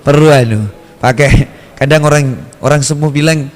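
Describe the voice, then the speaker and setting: A man's voice: a little high, steady tone, normal speed. A man with a Javanese accent teaching Quran recitation to a congregation, patiently drilling each letter sound again and again. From Java. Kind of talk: tajwid lesson to a congregation. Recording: long hall reverb.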